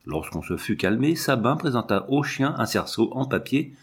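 Expressive male children's story narrator. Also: mid-range voice, normal speed, breathy edge. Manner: expressive, lively reading.

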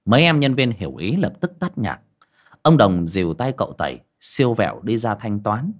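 A man narrating a ghost story in a lively, colloquial storytelling manner. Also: lowish voice, normal speed.

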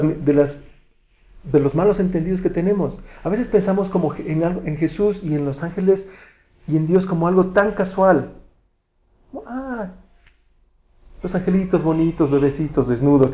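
A man preaching a relaxed, conversational sermon, often correcting himself and asking the congregation questions. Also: fairly high pitch, fairly quick, rough recording. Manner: relaxed, self-correcting, asks the audience questions.

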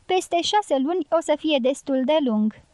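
A woman's voice: high voice, lively intonation, darkish tone, no echo. A woman reading the part of a shy young girl in an audiobook, with short, simple replies. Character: young Spanish girl, shy and quick to blush.

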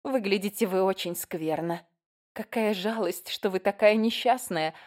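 A woman's voice: medium pitch, a little slow, a little mellow, natural voice. A woman voicing an eager, talkative teenage girl in an audiobook reading. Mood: fussing, chatty. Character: teenage girl, pushy and chattering.

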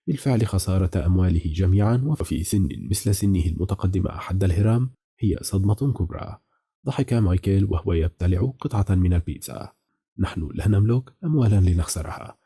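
A man's voice: low-pitched, mellow, slightly rough. A man narrating a horror novel as an audiobook, reading all the characters' dialogue in a near-plain voice.

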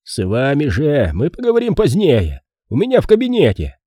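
A man's voice: fairly high pitch, huge pitch swings, measured pace, mellow, slightly rough, no echo, studio quality, pitched above the performer's own voice, heavily acted. A man voicing a heavyset male police chief who scolds and breaks up quarrels, in an audiobook reading. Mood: exasperated. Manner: exasperated, scolding.

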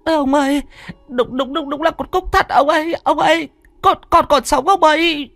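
A woman's voice: sits high, big pitch swings, measured pace, gravelly, dry recording, faint music behind, heavily acted. A woman voicing a terrified elderly village mother who stammers and pleads, repeating her words in fear. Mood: shaken relief. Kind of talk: storytelling role voice.

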